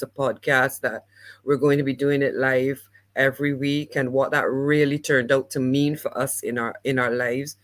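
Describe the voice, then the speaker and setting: A woman hosts a podcast with a croaky, slightly worn voice. She talks in an earnest, encouraging coaching manner, steady and sincere in a casual chat. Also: low voice. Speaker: podcast co-host and life coach.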